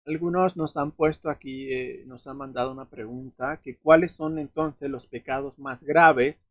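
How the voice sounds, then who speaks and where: A man with a husky, slightly worn voice teaches scripture in a relaxed, explanatory way, pausing on fillers and checking in with tag questions. His voice sounds close and dry, with no room echo. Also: medium pitch. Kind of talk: unscripted Bible lesson.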